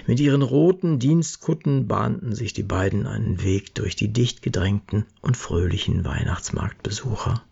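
A man narrating a story with steady, measured reading. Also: fairly low pitch, gravelly, husky, lo-fi sound.

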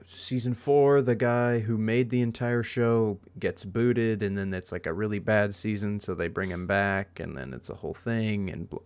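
A man's voice: on the low side, moderate pace, hardly any pauses, a little mellow, clean tone. A man co-hosting a podcast in casual chat, rambling enthusiastically with lots of fillers. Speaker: podcast co-host.

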